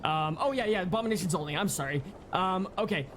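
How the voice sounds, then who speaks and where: A young man narrating as game master over voice chat, halting, with many ums and restarts. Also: high voice, fairly bright tone, a little hiss or hum. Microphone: home microphone on voice chat.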